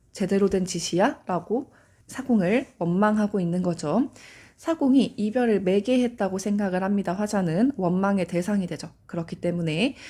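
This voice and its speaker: A woman's voice: mid-range voice, mellow. A woman giving a lecture on classical poetry, explaining it step by step and prompting students as she goes. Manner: explanatory, addresses students directly, frequent "자" prompts. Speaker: literature teacher.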